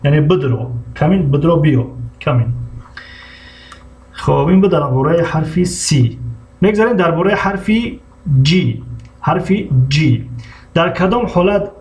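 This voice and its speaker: A man with a Tajik accent gives a language lesson in a slightly high voice. He works through the rules patiently and repeats each example word again and again so the students can follow. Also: expressive, a little mellow. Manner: slow, repeats words over and over for students. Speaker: English teacher.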